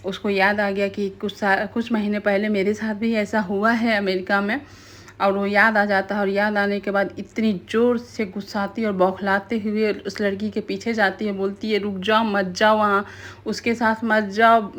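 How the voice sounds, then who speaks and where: Flat-voiced woman retelling a serial. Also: mid-range voice. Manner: flat, steady retelling with colloquial asides. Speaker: TV serial recap narrator. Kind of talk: casual storytelling recap.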